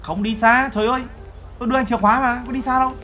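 A man's voice: very high-pitched, fairly even intonation, very fast, bright, forceful tone, a little hiss or hum, pitched above the performer's own voice. A man role-playing a boastful overseas-company boss in a game, brash and teasing. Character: boastful male overseas-Vietnamese CEO. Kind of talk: game role-play banter.

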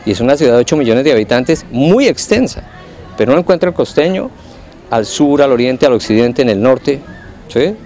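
A man's voice: mid-range voice, expressive, a little fast, dark tone, highs cut off. A man giving his opinion in casual chat, tentative and thinking aloud. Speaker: interviewee.

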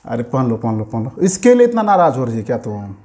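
Coaxing man with a dark voice. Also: medium pitch, sing-song, fast. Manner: coaxing, repeating himself to soothe. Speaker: vlog host. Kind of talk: casual home vlog with voice-over. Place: home room.

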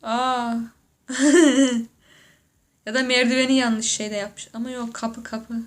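A woman with a somewhat high voice talks through a reaction video in a loose, slangy way. She jokes and exclaims to herself between quieter musing remarks. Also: flat delivery, slow. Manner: joking, laughs often, exclaims loudly. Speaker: YouTuber reacting to photos. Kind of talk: casual reaction commentary.

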